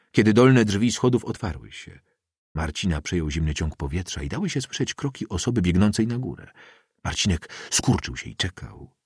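Mężczyzna czytający powieść jako lektor audiobooka, wyważenie i ekspresyjnie. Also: male voice, fairly low pitch, slightly rough, no echo, studio quality. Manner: measured, expressive reading. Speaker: audiobook narrator. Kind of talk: scripted literary narration.

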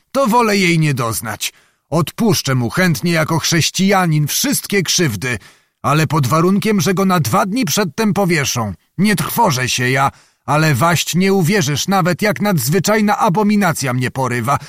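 A man's voice: a little high, animated, normal speed, fairly bright tone, dry recording, clean studio sound, pitched above the performer's own voice. A man reading an audiobook, voicing a boastful, grumbling old nobleman with theatrical bluster. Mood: indignant.

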